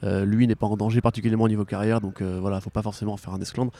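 A man's voice: lowish voice, little pitch movement, racing, mellow, no room sound. A man from France, co-hosting a podcast in casual chat, blunt and swearing freely. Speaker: podcast co-host.

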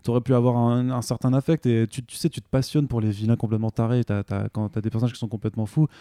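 A man co-hosting a casual podcast chat, talking excitedly and often tripping over repeated words. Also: mid-range voice, quick pace, smooth, no echo, clean studio sound. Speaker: podcast co-host. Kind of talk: casual chat about a series.

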